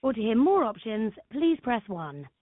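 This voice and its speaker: A woman's recorded voicemail announcement giving measured, scripted instructions, heard over a landline phone. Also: fairly high pitch, very animated, noisy background. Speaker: automated voicemail prompt. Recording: tinny narrowband phone line, dry.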